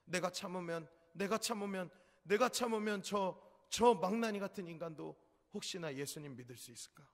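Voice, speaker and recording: A man's voice: fairly high pitch, lively intonation, fairly quick, vocal fry, few pauses, big-room sound. A man voicing a weeping middle-aged homeless man, once a brawler, who pleads in raised emotional outbursts. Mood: anguished pleading.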